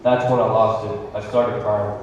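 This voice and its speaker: A man's voice: on the low side, level tone, moderate pace, a little mellow, highs cut off, a little hiss or hum, natural voice. A man playing an earnest forgiving older brother in a stage skit. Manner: earnest, plain storytelling. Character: man retelling his life, forgiving his brothers. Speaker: skit actor. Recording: echoey hall, distant mic.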